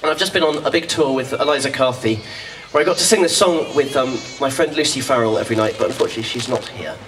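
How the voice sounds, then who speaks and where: A man's voice: medium pitch, fast talker, a bit bright, soft background music. A man, a folk singer, chatting to an outdoor audience between songs with dry, self-deprecating humour. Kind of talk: stage banter between songs. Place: outdoor festival stage. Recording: distant outdoor live recording.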